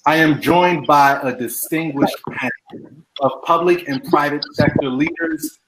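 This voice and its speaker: A man's voice: fairly high pitch, big pitch swings, a little slow, background noise. A man moderating an online panel over a video call, reading formal prepared remarks.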